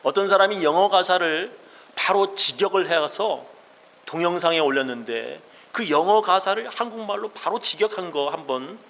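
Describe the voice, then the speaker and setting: A man's voice: sits high, normal speed, creaky, fairly bright tone, long reverb tail. A male pastor giving a sermon, telling the story emphatically and acting out the quoted lines.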